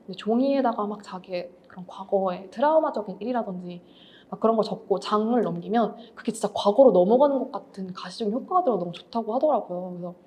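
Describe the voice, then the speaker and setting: A woman's voice: medium pitch, warm tone. A woman in her thirties, an author and writing teacher, giving a candid, reflective talk and explaining with everyday examples. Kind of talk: lecture talk.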